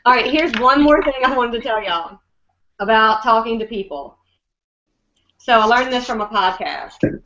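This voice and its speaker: A woman's voice: on the high side, lively intonation, normal speed, long pauses, fairly bright tone, dull audio. A woman giving a casual, upbeat coaching talk as a network marketing team leader, chatty and full of fillers.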